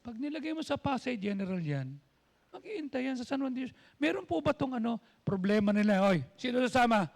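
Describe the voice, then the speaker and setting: Pastor guy preaching in a church, raspy fry in his voice, mixes in english, plays out what people said. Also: extremely high pitch, big pitch swings, fairly quick, a little mellow. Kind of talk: sermon.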